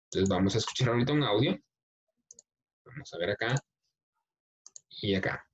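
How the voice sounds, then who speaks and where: A male English teacher, explaining a workbook lesson slowly, step by step, and reading the exercises aloud. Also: fairly low pitch, lively intonation. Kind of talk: recorded class explanation. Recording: dull lo-fi recording.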